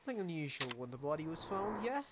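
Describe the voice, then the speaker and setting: A man's voice: fairly high pitch, very animated, fast. A man giving casual let's-play commentary, chatty and often tagging his remarks with "yeah?". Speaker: gaming streamer. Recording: noisy home recording.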